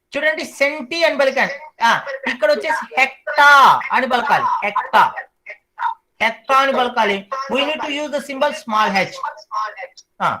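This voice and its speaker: A male teacher giving an online class, repeating each term slowly so the students memorize it. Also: extremely high pitch, pushed and bright, low-quality recording.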